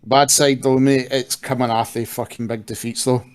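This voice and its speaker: A Scottish man with an average-pitched voice talks football on a live stream. His style is casual and conversational. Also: flat delivery, moderate pace, smooth, soft background music. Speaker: guest or co-host on a football stream. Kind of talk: casual chat about football.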